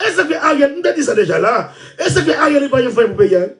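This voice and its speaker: A man with a Haitian Creole accent, ranting loudly and repeating himself. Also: extremely high pitch, very animated, fast, far from the mic. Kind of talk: impassioned rant.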